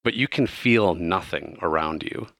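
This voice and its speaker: A man's voice: low voice, animated, measured pace, fairly bright tone, dry recording, studio quality. A man narrating a tabletop game as game master, in a loose, casual way full of fillers.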